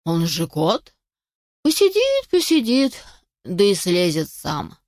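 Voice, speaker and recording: A woman's voice: on the low side, wildly swooping pitch, slow pace, darkish tone, no echo, clean studio sound, heavily acted. A woman voicing a sleepy, self-satisfied cow who drawls lazily. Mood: indifferent. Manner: lazy, drawling. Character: sleepy, smug female cow.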